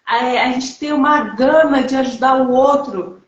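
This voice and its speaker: A woman hosting a casual video-call conversation, speaking haltingly and pausing to search for words, heard through echoey, muffled call audio. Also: sits high. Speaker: host.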